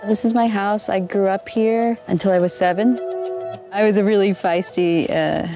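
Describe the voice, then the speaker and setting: A soft-spoken young woman from the United States, speaking reflectively in a documentary interview. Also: mid-range voice, fairly even intonation, normal speed. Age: young adult. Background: music.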